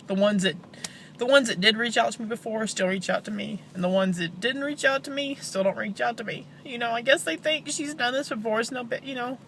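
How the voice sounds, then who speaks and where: A woman speaking in a halting, downcast, grieving way, as in a personal confessional vlog. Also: fairly high pitch, fairly bright tone, slight background noise. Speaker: vlogger, bereaved mother.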